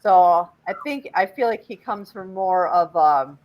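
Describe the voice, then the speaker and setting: A woman's voice: fairly low pitch, expressive, measured pace, a little mellow, low-quality recording. A woman hosting a panel discussion who explains things at length, with frequent fillers. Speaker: podcast host and regression facilitator.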